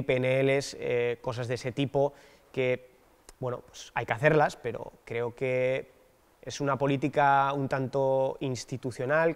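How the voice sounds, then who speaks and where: This is a political candidate in his thirties from the Basque Country, Spain, answering interview questions thoughtfully and hesitantly with lots of fillers and restarts. His mid-range voice sounds clean, with a long reverb tail, on a dark studio set.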